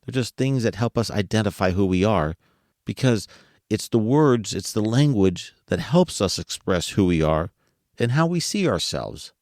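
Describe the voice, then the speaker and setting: This US podcast host speaks at a moderate pace in a lowish, darkish voice, lively and animated throughout. He addresses his audience casually, poses rhetorical questions, and laughs softly as he goes, all captured in clean, echo-free studio audio.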